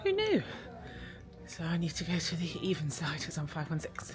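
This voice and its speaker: A British woman with a lowish voice chats away on a travel vlog, rambling and filling gaps with ums and likes. Music plays plainly behind her as she talks into a handheld camera aboard a cruise ship. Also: little pitch movement, a little fast. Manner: chatty, rambling, many fillers. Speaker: travel vlogger. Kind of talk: casual vlog chat. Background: music playing.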